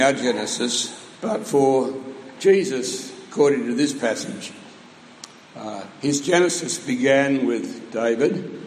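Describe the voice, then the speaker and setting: A man with a croaky voice from allergies, preaching a sermon with measured teaching and dry humor. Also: medium pitch, a little mellow, slight background noise. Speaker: pastor. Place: church hall. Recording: roomy hall with long reverb.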